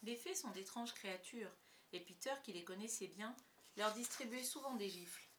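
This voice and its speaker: A woman narrating a storybook aloud, with soft, confiding asides to the listener. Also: mid-range voice, normal speed, slight background noise. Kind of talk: storybook reading.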